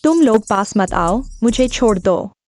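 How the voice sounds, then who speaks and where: Desperate young woman, pleading, soft music behind. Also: fairly high pitch, very animated, moderate pace, husky, no room sound, full character voice. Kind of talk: Hindi drama dubbing.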